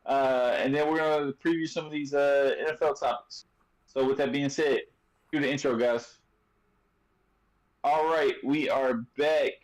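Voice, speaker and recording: A man's voice: medium pitch, fairly even intonation, a little slow, poor audio. Casual, joking man hosting a sports podcast. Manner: loose and joking, with many fillers and restarts. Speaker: podcast host.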